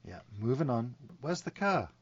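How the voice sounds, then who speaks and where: A man's voice: medium pitch, very animated, normal speed, breathy edge, muffled recording. A man hosting a podcast, chatty and enthusiastic about food and beer. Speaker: podcast host. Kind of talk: casual chat.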